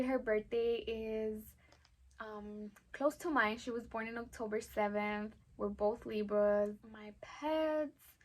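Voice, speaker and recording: Chatty young woman from El Paso. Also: fairly high pitch. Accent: El Paso Texan. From Texas, USA. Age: 20s. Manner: chatty, many "um"s and "like"s. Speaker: vlogger. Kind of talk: casual Q&A to camera.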